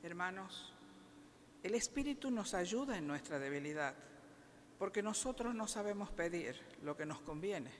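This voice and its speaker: A high-pitched male lector gives a solemn scripture reading, declaimed formally one phrase at a time. Long church reverb surrounds him, with faint noise behind. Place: large church during Mass.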